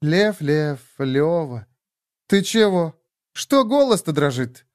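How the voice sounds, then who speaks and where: A man's voice: fairly high pitch, big pitch swings, a little mellow, no room sound, clean studio sound, voice pushed up. A man voicing a brash, nervous young woman who turns crude and angry, in a read-aloud story. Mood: nervous teasing. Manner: mocking, crude, quick to anger.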